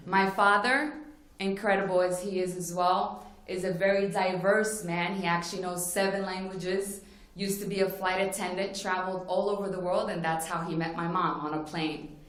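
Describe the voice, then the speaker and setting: A woman's voice: fairly low pitch, fairly even intonation, normal speed, a bit bright. A woman from Morocco giving an earnest personal talk at a forum, telling her story with frequent "you know" fillers. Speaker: forum speaker. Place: conference plenary hall. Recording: very echoey hall.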